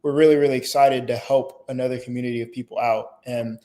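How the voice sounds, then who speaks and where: A man's voice: mid-range voice, fairly even intonation, fast talker, mellow. A young man in his late teens, born in Haiti, answering interview questions in a hesitant way with fillers and restarts. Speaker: guest.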